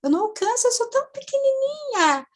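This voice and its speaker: A woman's voice: very high voice, big pitch swings, a little fast, voice pushed up. A woman voicing a tearful three-year-old girl who pleads in a whiny, childlike way. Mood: pleading.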